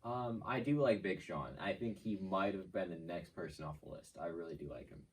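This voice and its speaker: A man's voice: low-pitched, fairly quick, recorded from a distance, poor audio. A young man co-hosting a student podcast, talking in a laid-back, hesitant way. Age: young adult. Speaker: co-host. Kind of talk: casual chat.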